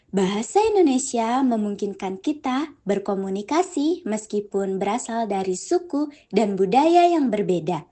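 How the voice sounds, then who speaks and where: A woman student reading an educational narration in a plain, steady way. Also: on the high side. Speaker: student presenter.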